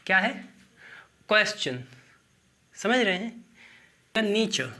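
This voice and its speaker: A man from India teaches pronunciation slowly and deliberately, repeating words and quizzing his listener. His voice is bright and forward. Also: sits high, lively intonation. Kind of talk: classroom-style lesson at a board.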